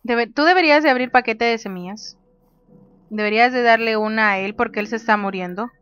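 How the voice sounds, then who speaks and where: Chatty high-voiced woman playing a game. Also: fairly quick, fairly bright tone, smooth, dull audio. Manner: chatty, reads game menus aloud, laughs often. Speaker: gaming youtuber. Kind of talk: casual let's play commentary.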